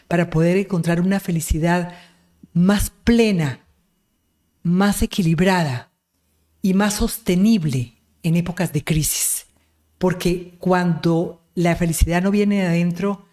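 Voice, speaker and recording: A woman's voice: on the low side, dark tone. A woman hosting an online interview, effusive and full of praise, with religious turns of phrase. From Colombia. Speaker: interview host.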